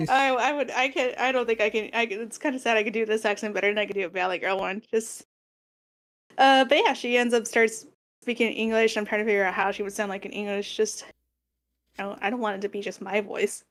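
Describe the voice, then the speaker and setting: A woman's voice: medium pitch, fairly even intonation, fairly quick, fairly bright tone. A woman playing a tabletop game, describing her character in chatty talk full of fillers. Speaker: player. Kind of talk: casual tabletop play chat.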